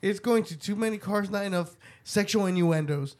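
A man's voice: high voice, moderate pace, darkish tone. A man bantering on a casual podcast like a frat bro, slangy, profane and full of wisecracks.

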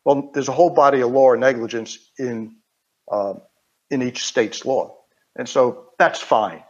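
A man's voice: medium pitch, darkish tone. Older man with a thick-voweled Queens accent. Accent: Queens, New York. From Queens, New York. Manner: halting, digressive explaining. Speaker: interview guest. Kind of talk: informal technical explanation. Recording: dull, band-limited audio.

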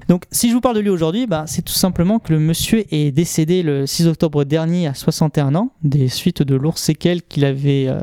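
A man's voice: a little high, warm tone, smooth, no room sound, clean studio sound. A man co-hosting a casual podcast, talking sentimentally with many hesitations and restarts. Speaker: podcast co-host. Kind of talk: casual chat and personal segment.

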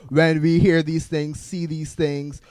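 A man's voice: on the high side, flat delivery, slow pace, a little mellow, no room sound. A man hosting a casual podcast, asking questions and stammering now and then as he works through a point. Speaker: podcast host.

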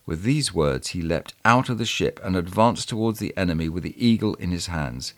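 A man hosting a podcast, reading historical documents aloud in a measured, expressive way. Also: low-pitched. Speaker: podcast host and reader.

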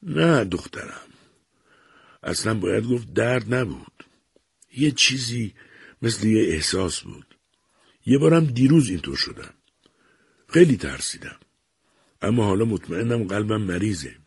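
A man's voice: on the low side, expressive, gravelly, long pauses, slightly rough, dry recording, clean studio sound, heavily acted. A man voicing a gloomy older father who grumbles weakly about his heart. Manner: weak, complaining voice. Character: fretful older father sure he is ill.

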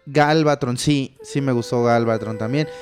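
A man's voice: mid-range voice, normal speed, soft background music. A man with a Mexican accent co-hosting a podcast, chatting casually and slangily, dropping "güey" all the time. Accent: Mexican Spanish. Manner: slangy, laid-back, says "güey" constantly. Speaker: podcast co-host. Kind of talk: casual chat.

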